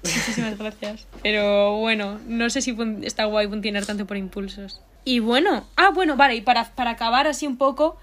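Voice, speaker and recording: A young woman interviewing someone in a relaxed, chatty way, passing on questions from fans. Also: on the high side, fairly quick. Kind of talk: casual conversation.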